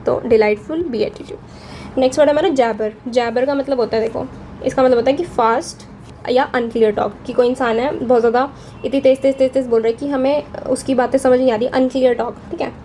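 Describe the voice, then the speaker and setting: Young woman running a chatty vocab lesson, bit high, mellow tone, faint hiss behind. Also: fairly even intonation, fast. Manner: chatty, checks in with frequent "theek hai". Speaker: vocabulary teacher. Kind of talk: casual Hinglish lesson.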